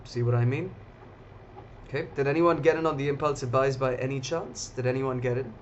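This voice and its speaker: Casting note: a male trading host, casual and chatty, mid-pitched, talking to viewers, slightly dull lo-fi audio. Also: steady tone, fairly quick, slight background noise. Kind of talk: live market commentary.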